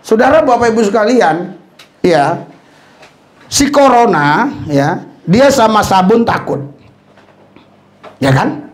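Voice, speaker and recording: Male pastor, high voice that jumps all over, laughing and chatty as he preaches. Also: slow pace, long pauses. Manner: animated, chatty, laughs often, acts out quoted people. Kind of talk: lively sermon with jokes and anecdotes.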